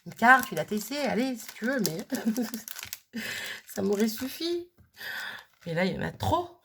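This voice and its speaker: A woman's voice: a little high, big pitch swings, a little slow, noisy background. A woman chatting casually as she unboxes a craft gift, gushing and repeating her delight as she goes.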